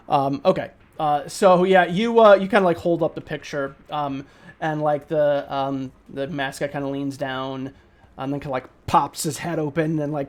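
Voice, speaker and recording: Rambling game master man, fairly high voice. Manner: relaxed, full of fillers like "um" and "like". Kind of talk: narrating a tabletop game.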